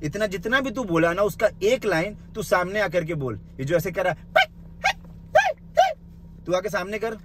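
A man's voice: sits high, normal speed, long pauses, noisy background. A young man in a small room delivering an angry, insulting rant into his phone, mocking and confrontational. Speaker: social media commentator.

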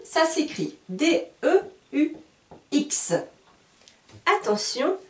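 A woman's voice: high-pitched, a little mellow. A woman teaching a beginners' lesson, spelling words letter by letter and repeating her examples carefully. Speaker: French teacher. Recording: roomy sound, voice a bit far from the mic.

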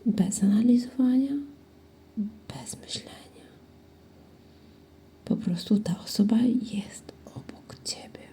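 A woman guiding a breathing meditation in slow, soothing whispered instructions. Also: mid-range voice, mellow, husky. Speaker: meditation guide.

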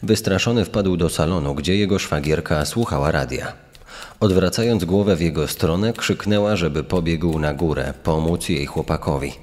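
Really deep-voiced guy telling a crime story, big reverb. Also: a little mellow. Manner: measured, dramatic storytelling. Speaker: podcast narrator. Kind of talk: scripted true-crime narration. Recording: long reverb on the voice.

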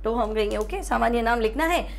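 A woman from India teaches chemistry at the board with a high voice. She takes each step slowly, repeating the key terms and asking her class questions that she then answers herself. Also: animated, gravelly, slight background noise.

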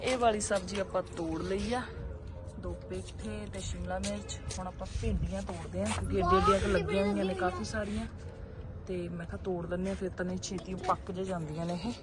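A woman's voice: medium pitch, steady tone, fairly quick. A woman in her thirties with a Punjabi accent, chatting casually to viewers and family as she narrates her home vlog. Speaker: family vlogger, mother. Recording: clear background noise, household and outdoor ambience.

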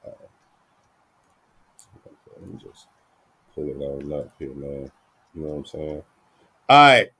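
This very deep, very animated voice belongs to a middle-aged Dallas–Fort Worth man hosting an entertainment news channel, who sounds pushed and bright as he takes things slowly and pauses often. Talking casually to his viewers, he tags "man" and "you know what I'm saying" onto every line. The low-quality webcam recording, made with headphones on in a small room, carries slight background noise.

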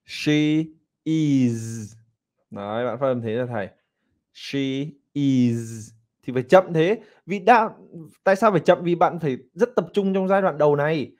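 Animated Vietnamese-accented male English teacher. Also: a little high. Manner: animated, demonstrates words slowly and repeats them. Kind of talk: online pronunciation lesson.

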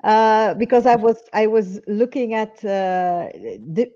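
Woman hosting a video chat, mellow and halting, lo-fi headset sound. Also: mid-range voice, lively intonation. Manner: hesitant, many fillers and restarts. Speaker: interview host. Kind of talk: video call interview. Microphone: earbud headset on a video call. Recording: dull lo-fi video call audio.

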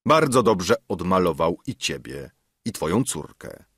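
A man voicing a stern old goldsmith sorcerer who speaks calmly and with quiet menace. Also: low voice, husky, no room sound, studio quality, full character voice. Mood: calm, ominous. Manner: calm, measured, quietly threatening.

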